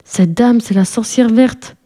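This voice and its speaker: A bold, imaginative little girl who speaks up eagerly in a slightly higher voice, as a woman reads her part. The tone stays mellow and warm. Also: a little slow. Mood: confiding.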